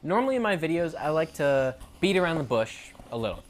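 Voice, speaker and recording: A YouTuber with a higher voice and big pitch swings talks briskly to camera. He rambles through an unscripted, casual monologue, occasionally stuttering and fixing his sentences midway.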